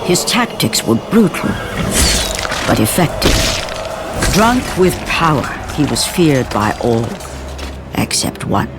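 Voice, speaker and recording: A man's voice: fairly high pitch, very animated, slow pace, long pauses, over loud music. A man giving grave, dramatic scripted narration for an epic story. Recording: game cutscene with loud score.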